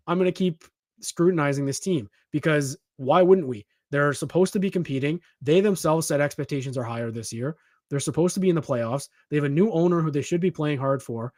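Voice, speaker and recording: Guy co-hosting a sports podcast, kinda high voice, punchy and emphatic, dry close mic. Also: dry recording. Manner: emphatic, animated, frequent restarts. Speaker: podcast co-host. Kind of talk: casual sports talk.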